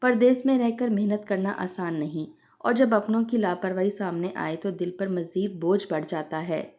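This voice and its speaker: A woman's voice: medium pitch, warm tone. A woman narrating an emotional moral story in the first person, earnest and heartfelt, in a dull lo-fi recording.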